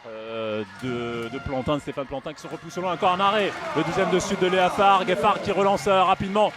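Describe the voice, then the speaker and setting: A man giving excited handball commentary in halting, broken phrases, with noise from the gym around him. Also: sits high. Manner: halting, hesitant phrasing with many breaks.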